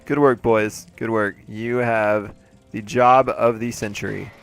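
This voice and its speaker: With faint music behind him, a let's play host offers casual, chatty commentary and joking asides while playing a game, sounding slightly stuffed up with an off throat. His fairly low, creaky voice keeps a flat delivery at a measured pace.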